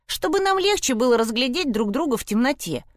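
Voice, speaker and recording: A woman's voice: sits high, sing-song, a little fast, dry recording, studio quality, voice pushed up. A woman narrator voicing a bossy, impatient girl leader with a scoffing manner. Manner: sharp, scoffing.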